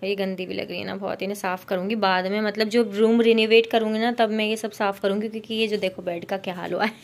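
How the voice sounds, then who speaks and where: Her mid-range voice moves quickly with fairly even intonation as she addresses viewers directly in a relaxed vlog, sprinkling in plenty of fillers. There's music in the background.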